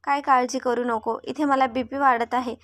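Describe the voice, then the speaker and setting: A worried middle-aged mother who frets over her son, as a woman narrator reads her. High, dry and close voice with a pleading manner. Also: steady tone, normal speed, a bit bright, dry recording.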